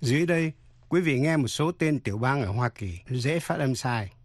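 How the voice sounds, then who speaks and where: A man's voice: medium pitch, expressive, normal speed, music in the background. A man hosting a radio language lesson, carefully spelling out words letter by letter. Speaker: English teacher and radio host.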